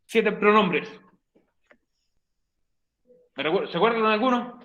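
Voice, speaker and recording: A man's voice: high-pitched, expressive, slow pace, bright, forceful tone. A man teaching an English grammar class online, playful and joking with his students while repeating key points. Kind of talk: online class explanation in Spanish. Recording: roomy, dull lo-fi stream audio.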